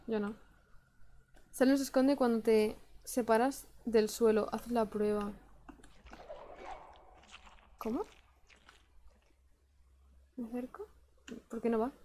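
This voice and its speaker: A woman's voice: fairly high pitch, a little hiss or hum. A young woman from Spain with a Spain Spanish accent, commenting on her gameplay in a self-mocking, exasperated way. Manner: self-mocking, exasperated, frequent laughs and outbursts. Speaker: gaming streamer. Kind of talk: casual let's play commentary.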